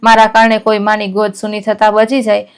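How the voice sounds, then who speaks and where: A woman voicing a kind, selfless young village heroine, speaking calmly and gently. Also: mid-range voice, fairly quick, clear, resonant tone, lightly acted. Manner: calm, gentle, steady.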